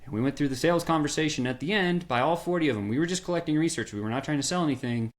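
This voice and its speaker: Man, middle-aged, podcast guest, lively storyteller, acts out quotes. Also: on the high side, very fast. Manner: animated storyteller acting out quotes.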